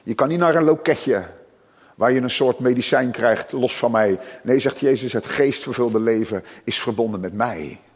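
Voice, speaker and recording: Male preacher, husky, impassioned sermon delivery, long reverb of a church hall. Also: moderate pace. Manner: impassioned, swells loud and high on emphasis.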